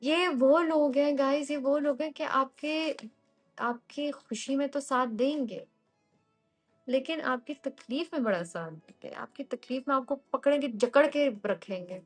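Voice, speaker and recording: A young woman with a slightly high voice tells stories on a live stream and slides between Hindi-Urdu and English as she goes. She talks with open emotion and lively swings. Faint music plays softly behind her. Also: measured pace. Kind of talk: casual live-stream storytelling.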